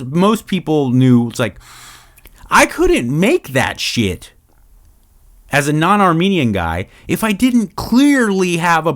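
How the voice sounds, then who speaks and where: A middle-aged man from Los Angeles, hosting a casual Q&A show, rambling and swearing freely. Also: fairly high pitch. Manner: rambling, profane, lots of restarts. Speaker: podcast host. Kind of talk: casual Q&A monologue.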